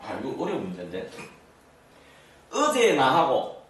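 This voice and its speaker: A man's voice: medium pitch, huge pitch swings, moderate pace, a bit bright. A man giving an interactive lecture to an audience, constantly asking them either-or questions. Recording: echoey room, mic at a distance.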